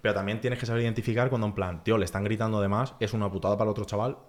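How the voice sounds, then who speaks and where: A man, chatting casually as a podcast guest in an animated, filler-heavy way. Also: lowish voice. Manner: animated, talks fast with lots of filler phrases. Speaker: guest, freestyle rapper.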